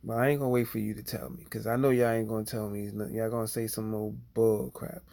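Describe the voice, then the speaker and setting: Gravelly man ranting on a livestream. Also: lowish voice, level tone, fairly quick, mellow. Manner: rambling, blunt, full of "you know" and "okay?". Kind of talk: casual livestream monologue.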